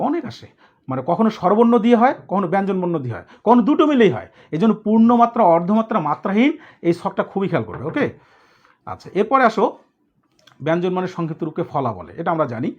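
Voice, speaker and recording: A male teacher giving a grammar lesson for students. He explains step by step, keeps checking in with the class and mixes in English words. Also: high voice. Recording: dull lo-fi recording.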